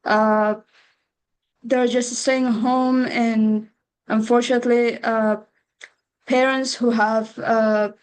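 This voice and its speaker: A young woman from Afghanistan talks over a video call. She speaks slowly and haltingly, with frequent pauses. Her voice sits fairly high and stays flat. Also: smooth, poor audio. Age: young adult. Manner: slow and halting, many uh pauses. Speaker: webinar participant. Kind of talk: personal testimony on a video call.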